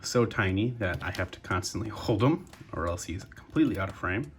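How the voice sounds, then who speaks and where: A young man with a deep voice talks briskly through a toy review, sounding congested and breathing through his mouth. He keeps it relaxed and chatty, calling his viewers "guys."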